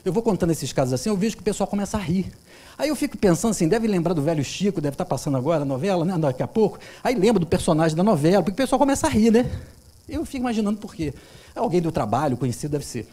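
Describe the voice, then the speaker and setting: A man's voice: sits high, racing. A Brazilian man, a therapist, giving a lecture, telling client stories and acting out their voices. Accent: Brazilian Portuguese. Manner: animated, acts out clients' voices. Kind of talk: lecture with storytelling.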